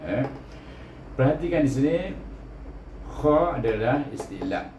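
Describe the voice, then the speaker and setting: This Quran reading lesson comes from a man with a Malaysian accent and a mid-range, darkish voice, animated yet unhurried. Step by step, he exaggerates each syllable in a teacherly way and tends to end points with a short "eh," while the echoey room carries background noise.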